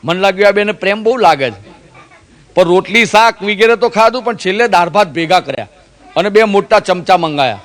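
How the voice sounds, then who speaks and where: A man's voice: high-pitched, lively intonation, brisk, fairly bright tone. A man from Gujarat telling stand-up jokes, acting out the characters in his stories with mimicked voices. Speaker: comedian.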